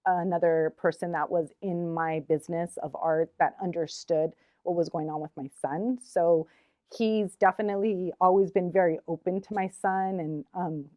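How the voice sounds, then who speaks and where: A woman's voice: lowish voice, fairly even intonation, normal speed, warm tone, no echo. A middle-aged woman, an arts organizer, speaking earnestly and from the heart in a documentary interview, with frequent hesitations. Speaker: community art shop and gallery organizer.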